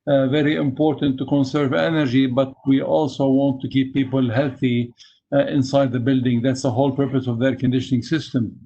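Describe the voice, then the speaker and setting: A man presenting to a webinar over slides, halting, with many fillers and restarts, heard over a video call. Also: mid-range voice, flat delivery, mellow. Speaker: webinar speaker for an engineering society. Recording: dull lo-fi webinar audio.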